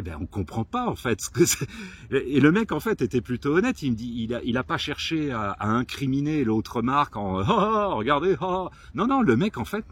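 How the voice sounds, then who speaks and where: A man telling a story to camera in a casual vlog, lively and swearing, acting out the people he quotes. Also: mid-range voice, breathy edge. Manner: animated, swearing, acts out quoted exchanges. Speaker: vlogger.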